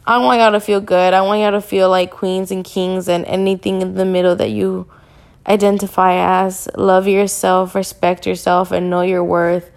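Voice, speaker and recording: A woman's voice: on the low side, level tone, normal speed, gravelly. A young woman hosting a casual solo podcast, candid and profane, with a slight Spanish-speaking accent. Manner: candid and profane, warm sign-off. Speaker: podcast host.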